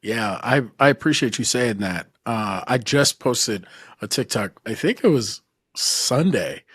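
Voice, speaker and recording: A man's voice: medium pitch, animated, unhurried, fairly bright tone, husky, no room sound, studio quality. A man hosting a podcast, chatting casually with a guest, friendly and rambling, often restarting his sentences. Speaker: podcast host. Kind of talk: casual interview chat.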